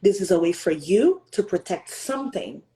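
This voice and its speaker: Hosting a motivational session, this earnest woman in her thirties presses listeners with emphatic rhetorical questions, dipping now and then into French and Haitian Creole. Her lowish voice is mellow and sing-song at a moderate pace, and the recording is low quality.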